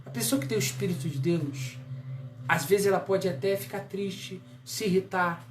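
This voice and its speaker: A man's voice: sits high, normal speed. Brazilian guy preaching, keeps firing questions at the crowd, roomy echo and a faint hum behind. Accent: Brazilian Portuguese. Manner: emphatic, with many rhetorical questions to the listeners. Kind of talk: preaching a sermon.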